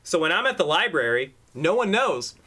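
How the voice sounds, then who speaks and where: Profane and rambling, a man co-hosting a casual podcast from a home room acts out what he means while ranting into a desk microphone. His fairly high voice swings widely in pitch at a normal speed and sounds pushed and bright.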